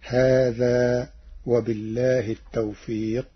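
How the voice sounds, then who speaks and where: Man, formal religious explainer, measured intoned examples, breathy voice, muffled lo-fi radio recording. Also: mid-range voice, little pitch movement. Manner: measured, intones quoted verses slowly. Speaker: radio presenter explaining Quran reading variants. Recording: dull lo-fi archival radio recording.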